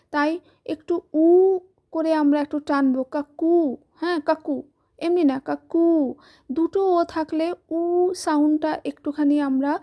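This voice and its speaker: A woman's voice: sits high, dark tone. A woman with a Bengali accent teaching young children English, patiently spelling words letter by letter in a close voice-over.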